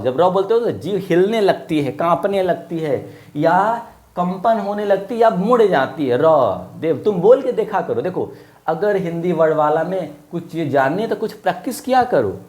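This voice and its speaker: Casting: male teacher, somewhat high voice, casual friendly online lesson, drills with questions and repetition. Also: darkish tone. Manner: asks questions and repeats words for drill; casual, friendly classroom talk. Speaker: Hindi grammar teacher.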